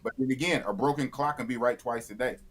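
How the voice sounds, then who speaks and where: A man's voice: mid-range voice, quick pace, fairly bright tone, husky. A man of fifty, a YouTuber guest in a casual live interview, blunt and opinionated, often repeating himself. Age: 50s.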